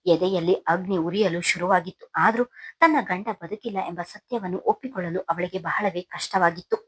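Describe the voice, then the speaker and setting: A woman narrating a Kannada novel in a steady, solemn storytelling manner. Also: on the low side, moderate pace, breathy edge. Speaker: audiobook narrator.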